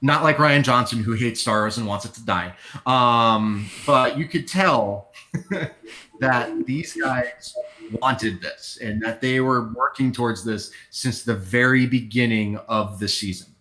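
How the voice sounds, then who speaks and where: A man with a bright, forceful voice chatting casually on a live stream. He gushes and rambles like an excited fan, circling back to his points. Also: medium pitch, unhurried. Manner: enthusiastic, rambling fan talk. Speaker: podcast co-host. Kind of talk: casual chat.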